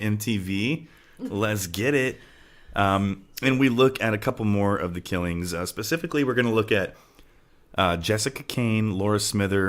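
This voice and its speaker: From a home with farm animals nearby, a podcast co-host covers true crime in a relaxed, loose way. His voice is low and a touch bright, and he often seeks agreement with "right?" before occasionally breaking into laughter.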